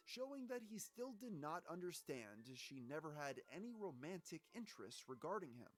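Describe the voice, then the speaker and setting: A man delivering scripted documentary narration with a slightly higher voice and a lively, rising-and-falling pitch. His tone is measured and wry, the kind of voice that tells a strange story from a knowing distance.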